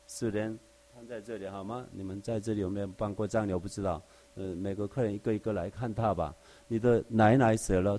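A warm-toned man with a medium-pitched voice preaches a conversational Bible study sermon. Verse by verse, he explains the text through everyday examples, regularly tossing rhetorical questions to his audience.

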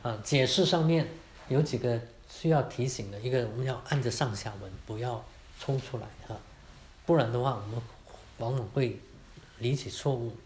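A man leads a church class on Bible reading in an easy, conversational way, ending lines with soft particles and slipping in English words now and then. His voice sits at a middling pitch. The room adds a clear echo and a faint hiss behind him. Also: moderate pace. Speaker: baptism class teacher. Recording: echoey room.

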